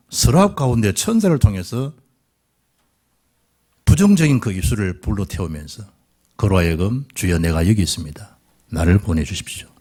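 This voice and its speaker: Middle-aged pastor man preaching, low husky voice, pitch jumping all over when he does the quotes. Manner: animated preaching, acting out quoted voices of biblical figures. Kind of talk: sermon.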